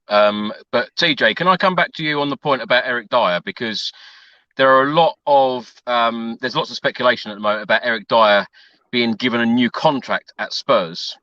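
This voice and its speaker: A man with a bright, sharp voice hosts a casual football panel and puts questions to the guests. The sound is very dry and a little dull, like an online call. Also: medium pitch, no room sound. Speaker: podcast host.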